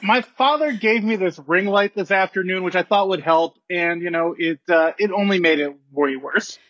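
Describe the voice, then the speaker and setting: A man's voice: high-pitched, moderate pace, a bit bright, no echo, lo-fi sound. A man speaking as a guest tournament commissioner on a video call, moving between mock-formal statements and casual chat. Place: tiled hallway at home, video call.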